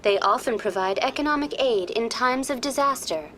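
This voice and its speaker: In scripted, informational video game dialogue, a woman plays a polite, programmed virtual tour guide, speaking formally, courteously and precisely. Her voice is on the high side and fairly bright, with lively intonation at a normal speed over slight background noise.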